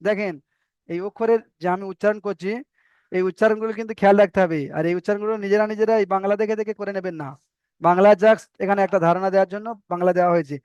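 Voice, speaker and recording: A man with an Indian Bengali accent teaching an online Quran reading class, patient, repeating each letter slowly and drawing out the vowels. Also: high voice, fairly even intonation, darkish tone, clear, resonant tone, no echo, lo-fi sound. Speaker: Arabic alphabet teacher.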